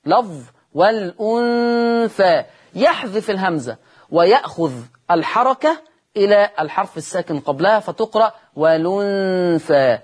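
Here a man teaches Quran recitation during a televised lesson, his voice high and his accent Egyptian Arabic. Questions he asks aloud get his own answers, and the example words are chanted slowly and drawn out.

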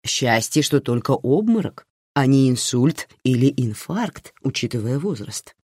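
A woman narrating an audiobook with lively storytelling intonation. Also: rumbling low, measured pace, husky, dry recording, clean studio sound. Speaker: audiobook reader.

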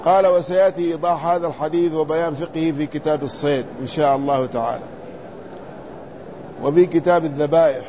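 A man teaching a classical hadith commentary, reading the text aloud and explaining it in a measured, deliberate way, carefully spelling out letters and vowels. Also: on the high side, fairly even intonation, warm tone, dull audio, slight background noise.

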